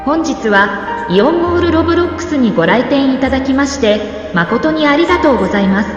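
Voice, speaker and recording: A woman's voice: sits high, lively intonation, fairly quick. A woman reading a scripted mall closing announcement in an ultra-polite, formal store-announcer manner. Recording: echoey mall PA, long reverb, muffled. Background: loud music.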